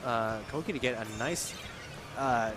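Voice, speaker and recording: A man's voice: mid-range voice, a little slow, over music. A man doing live esports commentary, chatty and explaining game mechanics with a laugh.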